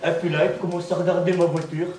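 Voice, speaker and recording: A man doing a stand-up comedy routine as a naive, deadpan village simpleton, tagging his lines with "hein". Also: fairly high pitch, quick pace. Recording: roomy, noisy recording from far off.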